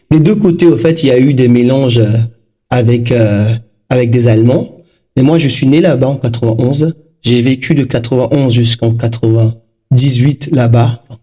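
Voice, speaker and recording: A man in his thirties from Togo, a guest talking casually in an interview, lively and full of fillers. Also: medium pitch. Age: 30s. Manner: animated, lively storytelling with frequent fillers.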